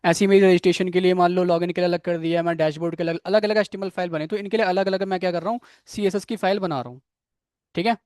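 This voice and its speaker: A man's voice: high-pitched, steady tone, quick pace, a little mellow, clean tone, dry recording, clean studio sound. A man giving a live coding lecture on web development. He often asks his students questions and keeps saying "ठीक है". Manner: admits struggling with a technical word. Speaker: programming instructor.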